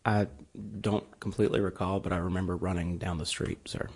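A man giving formal courtroom testimony as a witness, in short, guarded, deferential answers with a gravelly, husky voice. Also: deep voice, level tone, brisk, darkish tone. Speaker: witness under questioning.

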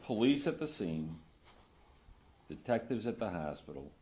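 A man questioning a witness in court as a lawyer, conversational, phrasing things haltingly and seeking confirmation. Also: lowish voice, big pitch swings, a little mellow.

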